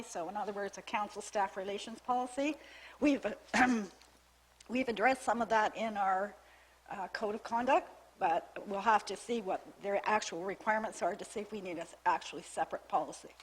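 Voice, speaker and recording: In a council chamber, a town staff member walks the council through new legislation, reading clauses formally and methodically with small restarts. Her medium-pitched voice is brisk with a breathy edge, failing as she coughs frequently. The recording is rough.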